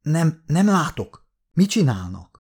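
A man's voice: medium pitch, lively intonation, creaky, dark tone, husky. A man reading a dazed, stammering injured man. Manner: dull, stammering.

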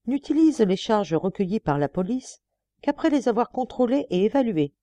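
A woman's voice: a little high, big pitch swings, normal speed, warm tone, no room sound. A woman voicing a stern male magistrate. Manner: curt, commanding.

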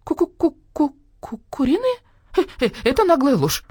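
A woman voicing a proud, naive hen who talks in a shrill, clucking way. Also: big pitch swings, moderate pace, darkish tone, no echo, clean studio sound. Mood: alarmed.

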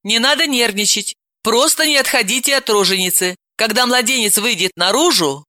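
Bossy, sharp-tongued woman, voiced by a man, high and scolding, animated, dry room. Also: unhurried, no echo, full character voice.

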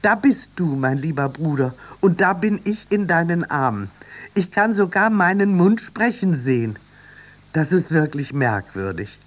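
A reader voicing an excitable young girl who talks in breathless, wide-eyed chatter in a children's radio story. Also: mid-range voice, measured pace, voice pushed up. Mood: puzzled.

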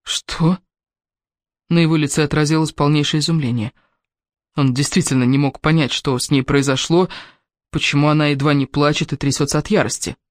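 A man narrating a romance novel as an audiobook, with a steady, even reading. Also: a little high, brisk, no room sound, studio quality.

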